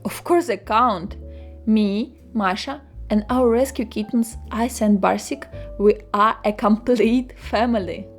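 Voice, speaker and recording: Emphatic young woman, animated short, casual and blunt, unhurried delivery over music. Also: medium pitch. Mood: defiant. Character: blunt, childfree young woman chatting with friend. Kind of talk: animated short film dialogue. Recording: music under the voice.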